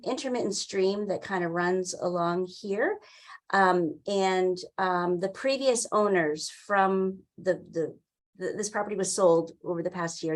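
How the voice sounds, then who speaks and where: An older woman speaks on a video call in a slightly low voice. She briefs a meeting informally, in a halting, explanatory way, pausing often mid-phrase. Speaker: town wetlands staffer running a public meeting. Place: indoor room, on a video call. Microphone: computer mic on a video call.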